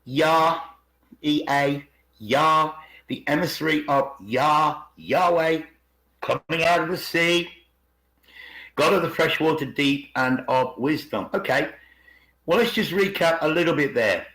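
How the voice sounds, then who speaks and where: Over echoey video call audio, a man with a fairly high, somewhat bright voice takes his time presenting informally. This video channel host comments as he goes, posing rhetorical questions and repeating phrases to stress his points.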